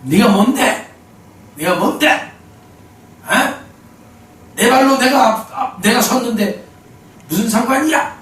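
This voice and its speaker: A man voicing a rude, pushy old man who snaps and shouts at people around him. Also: very high-pitched, expressive, slow pace, pauses often, pitched above the performer's own voice, full character voice. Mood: snapping. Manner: snapping, shouting. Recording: very echoey hall, mic at a distance.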